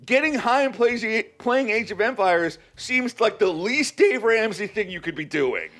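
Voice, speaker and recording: Bright-voiced sarcastic young man. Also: high-pitched, a little slow, faint music behind. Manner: animated, sarcastic, acts out quotes. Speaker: podcast co-host. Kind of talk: casual podcast banter.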